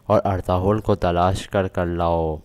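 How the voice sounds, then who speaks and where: A man's voice: sits low, little pitch movement, a little mellow, no room sound, close to an everyday voice. Ruthless enemy commander, read by a man. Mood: commanding. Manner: plain read-out of a quoted line. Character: ruthless male enemy commander hunting the hero.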